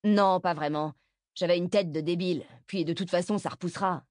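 A woman reading an audiobook voices a defiant teenage boy who presses his mother for answers in a firm, lowered voice. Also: fairly even intonation, brisk, a little mellow, no echo, studio quality, lightly acted.

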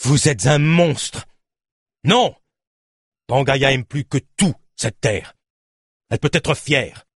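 A man's voice: mid-range voice, a little slow, fairly bright tone, breathy edge, dry recording, clean studio sound, pitched above the performer's own voice. A man voicing a defiant, accusing bedridden woman who speaks in a cutting way.

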